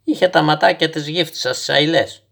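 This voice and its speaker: A man's voice: a little high, vocal fry. A man doing a stubborn old grandfather spinning tall tales. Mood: patient. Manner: calm, gently instructive, tall-tale telling.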